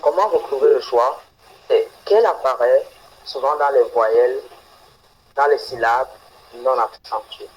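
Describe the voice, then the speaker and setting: A man teaching English phonetics in an online class, slowly and repeating example words deliberately. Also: medium pitch, husky, lo-fi sound. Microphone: video call.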